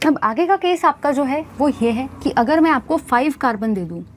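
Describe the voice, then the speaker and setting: A woman's voice: sits high, expressive, normal speed, slight background noise. A woman teaching a chemistry class, asking questions and answering them herself, calling the students bhai and guys.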